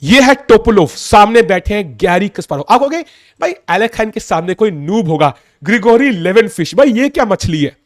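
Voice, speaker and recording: A young man with a sore throat giving a casual chess lesson, excitedly calling out moves and mixing in English. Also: high voice, dry recording, studio quality. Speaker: chess coach.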